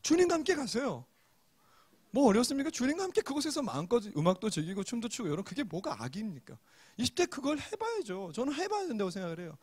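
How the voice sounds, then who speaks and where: A male pastor giving a joking, lively sermon to young adults, acting out quotes with loud exclamations. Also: extremely high pitch, quick pace, breathy edge.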